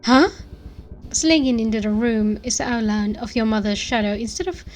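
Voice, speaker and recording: A woman storyteller giving a dramatic second-person narration with expressive emphasis. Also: fairly high pitch, moderate pace, soft background music.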